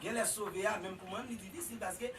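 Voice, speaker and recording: A man preaching a sermon in a church with a Haitian Creole accent, swinging from low murmurs to shouted exhortations. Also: fairly even intonation, fast, recorded from a distance, noisy background.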